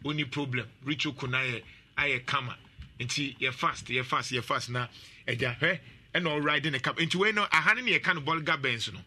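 A man hosting a talk show, giving animated, casual commentary and laughing often. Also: mid-range voice, fairly quick, slightly rough. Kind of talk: casual commentary mixing Twi and English.

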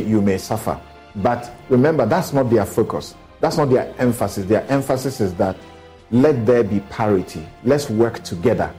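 A man's voice: lowish voice, mellow. A man hosting a radio talk show, speaking emphatically and often repeating his phrases.

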